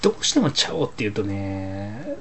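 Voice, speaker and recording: A man's voice: on the low side, huge pitch swings, normal speed, crowd noise. A man hosting a casual talk show, bantering about anime characters with joking, mock-formal geeky enthusiasm. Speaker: show host.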